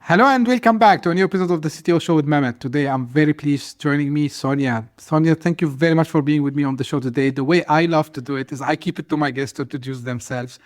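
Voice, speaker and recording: Speaking fast with few pauses, a man with a slightly high voice hosts an interview podcast. He asks lengthy, hesitant questions riddled with "you know" and other fillers. The recording is dry and sounds like a clean studio.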